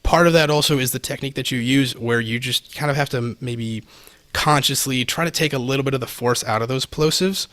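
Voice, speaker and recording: Speaking a little fast in a mid-range, fairly bright voice, a man appears as a podcast guest and audio expert, explaining things casually and practically with examples. He's close to a podcast mic set slightly off to the side, and the recording has no echo.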